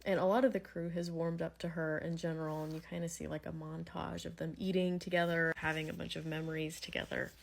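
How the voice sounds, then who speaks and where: Young woman, casual reaction chat, animated and gushing, slight vocal fry. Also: sits low, quick pace, hardly any pauses. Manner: gushing and animated, retelling a story in excitement. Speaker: manga reaction creator.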